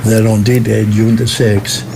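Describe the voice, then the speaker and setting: An American man in his nineties, a veteran reminiscing in an interview, halting and repeating himself. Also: on the low side, flat delivery. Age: 90s. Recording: clearly noisy interview with hum.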